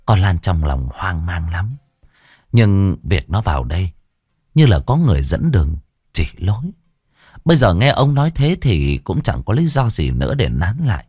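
Expressive lowish male storyteller. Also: normal speed, slightly rough, dry recording, studio quality. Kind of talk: scripted story narration.

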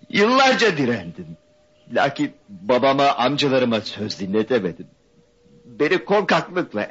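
An actor playing an anxious, remorseful young man haunted by a blood feud, speaking emotionally and sometimes in whispered inner thoughts. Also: on the low side. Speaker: radio drama actor. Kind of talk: 1970s-style Turkish radio theatre acting. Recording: muffled archival radio recording with faint hiss.

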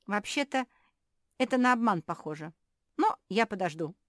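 A woman's voice: mid-range voice, animated, normal speed, fairly bright tone, no echo, clean studio sound, pitched above the performer's own voice, lightly acted. A woman voicing a grumbling, matter-of-fact young female dog in a storybook.

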